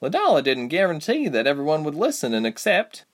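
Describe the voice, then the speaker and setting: A sardonic young mermaid friend, voiced by a male narrator. Her lines jump far above his normal pitch with lively, sweeping intonation. She sounds dry and mocking. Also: fairly quick. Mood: wry, muttering. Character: sharp-tongued young mermaid friend, wry.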